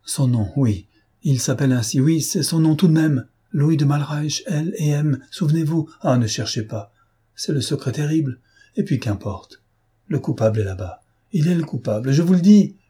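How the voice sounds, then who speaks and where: A man's voice: mid-range voice, fairly even intonation, unhurried, mellow, slightly rough. A man voicing a distraught, tearful young noblewoman in an audiobook, speaking in an anguished, pleading way.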